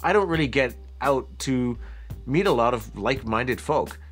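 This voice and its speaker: A man from Canada narrating a casual vlog about a factory trip in a relaxed, chatty way with lots of fillers. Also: medium pitch, normal speed, soft background music. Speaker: vlogger, headphone reviewer.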